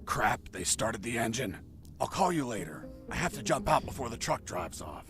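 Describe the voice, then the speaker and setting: An actor playing a wry, cool-headed secret agent on the run in a video game, with terse deadpan delivery. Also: male voice, medium pitch, normal speed. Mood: tense, focused. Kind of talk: video game dialogue and narration. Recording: music behind.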